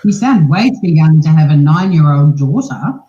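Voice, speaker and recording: An Australian woman hosting a scambaiting livestream, asking teasing, deadpan questions on a prank call. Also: deep voice, normal speed, reverberant, muffled recording.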